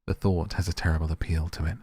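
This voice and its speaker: A man reading a visual novel story aloud in a measured, dramatic narrating style. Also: deep voice, little pitch movement, a little mellow, breathy edge. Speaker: video game player reading aloud.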